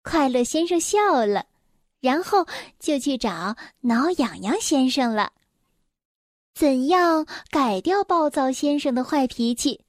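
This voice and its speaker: A young woman reading a children's story aloud, gentle and expressive, speaking directly to the children. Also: high-pitched, slow pace, dry recording, studio quality.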